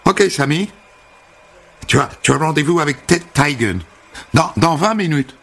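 A woman's voice: deep voice, animated, unhurried, vocal fry, fairly bright tone, slightly rough, voice pushed up, exaggerated voice. A man voicing a bubbly, chatty young American hairdresser woman who gushes and stammers slightly. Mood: gushing. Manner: gushing, effusive, stammers slightly.

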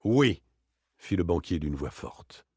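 A man narrating an audiobook in an expressive, theatrical reading style into a close studio microphone. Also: fairly low pitch, normal speed, slightly rough, dry recording.

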